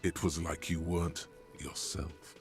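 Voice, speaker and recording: A male voice actor narrating a video game with a measured, deadpan, dryly wry delivery. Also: very deep voice, soft background music.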